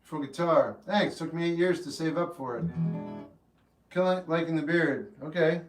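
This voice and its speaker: A man's voice: on the high side, normal speed. Man in his fifties, echoey livestream. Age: 50s. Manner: relaxed, rambling, earnest when giving advice. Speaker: livestream host. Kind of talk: casual chat answering live chat. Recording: roomy echo, mic at a distance, faint guitar music.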